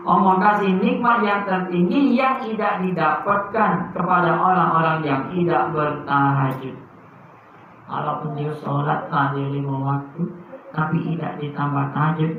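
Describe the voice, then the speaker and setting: A man preaching, moving from soft, tender lines to loud, emphatic bursts. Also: high voice, slight background noise. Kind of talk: sermon. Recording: very echoey, phone-like muffled sound.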